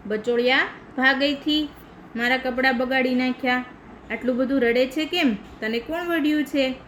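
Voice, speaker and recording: A woman playing a short-tempered washerman in a children's story, with a loud, scolding manner. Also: high-pitched, steady tone, measured pace, slight background noise. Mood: angry.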